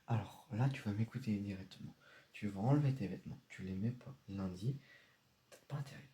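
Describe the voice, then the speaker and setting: Brief: mellow-voiced stressed dad, scolds and repeats himself , played by a man in a home sketch. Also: fairly low pitch, a little fast, natural voice. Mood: stern. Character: strict worried father scolding his son. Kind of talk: homemade comedy sketch.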